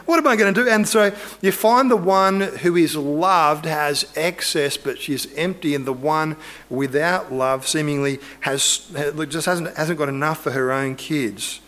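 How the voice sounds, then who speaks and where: Male preacher, relaxed and conversational, earnest tone, acts out little scenes. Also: a little high, measured pace. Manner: earnest, acts out biblical quotes and imagined dialogue. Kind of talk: conversational sermon.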